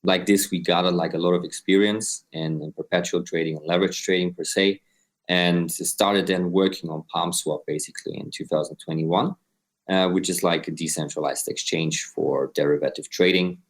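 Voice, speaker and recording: Guesting in an interview, this crypto co-founder, an Austrian in his 20s with a deep voice, walks through his explanations one step at a time. His tone stays steady, he speaks at normal speed, and "right?" comes up frequently.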